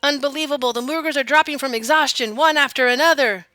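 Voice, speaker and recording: A woman voicing an excited video game contest announcer with a booming prize-calling delivery. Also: fast, no room sound. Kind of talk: video game character read-aloud.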